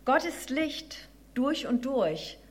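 A woman tells a children's animal story in a gentle, expressive way, then turns it into a brief devotional reflection. Her voice sits somewhat high for a woman. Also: slow pace.

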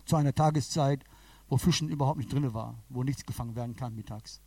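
A man's voice: medium pitch, fast, vocal fry, no room sound. A man preaching a sermon in a colloquial way, acting out the Bible characters as he tells the story. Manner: animated, colloquial, acts out the Bible figures.

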